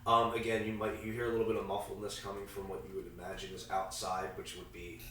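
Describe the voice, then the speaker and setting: A man's gravelly, allergy-congested voice comes through from a distance in a very echoey room. It sits fairly low as he casually, haltingly runs a tabletop role-playing game. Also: completely flat delivery, pushed and bright. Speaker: game master. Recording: echoey room, far from mic, faint noise.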